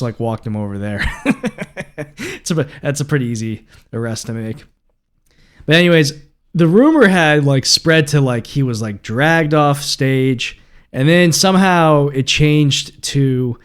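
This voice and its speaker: A man's voice: mid-range voice, smooth. A man hosting a solo podcast, talking casually and rambling with many fillers. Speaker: podcast host.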